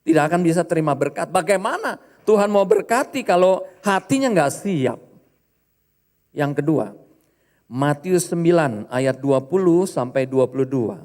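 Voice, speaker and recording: A male pastor with a high voice preaching in church. He is animated and plays out the quoted lines of the people in his stories. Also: normal speed, long reverb tail. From Indonesia. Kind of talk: sermon.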